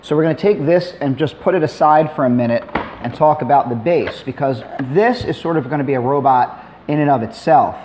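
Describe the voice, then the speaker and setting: A middle-aged man narrating a hands-on tutorial in a relaxed, plainspoken way, with dry asides. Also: a little high, a little fast, noisy background. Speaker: maker demonstrating a robot build.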